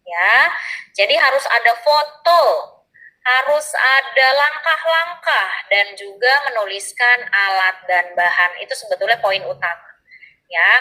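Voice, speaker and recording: A woman giving an explanatory tutorial to teachers, addressing them politely again and again and pausing often on filler sounds. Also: a little high, bright, forceful tone, poor audio. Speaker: teacher trainer.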